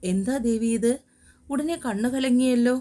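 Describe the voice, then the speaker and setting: A young husband, affectionate and teasing toward his wife, as a woman narrator reads him. The voice is mellow and soft. It sounds like a spoken romance storybook. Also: extremely high pitch, moderate pace, voice pushed up. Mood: gentle.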